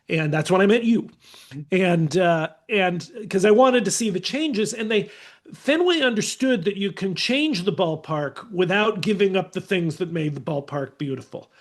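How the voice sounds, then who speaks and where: A middle-aged man with a high voice tells stories in a casual, animated way as a podcast guest. He keeps slipping into little voices for the people in his anecdotes. It is relaxed, unscripted talk. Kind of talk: casual storytelling.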